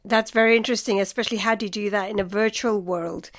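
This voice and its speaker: A woman's voice: mid-range voice, fairly even intonation, fast. A woman speaking as a podcast host, presenting her show and putting questions to a guest. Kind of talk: podcast introduction and interviewing.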